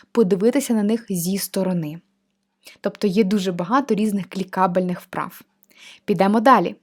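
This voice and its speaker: A young female teacher walks through an online course, explaining each exercise type in a friendly, patient way. Her pitch is middling, and she talks plainly and clearly. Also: darkish tone. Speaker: language teacher reviewing a course platform. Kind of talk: screen-share walkthrough of a textbook.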